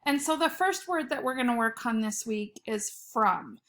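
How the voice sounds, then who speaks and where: A woman's voice: on the high side, expressive, moderate pace, fairly bright tone. A woman teacher giving a recorded spelling lesson from home, patiently sounding out letters and words. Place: home at night.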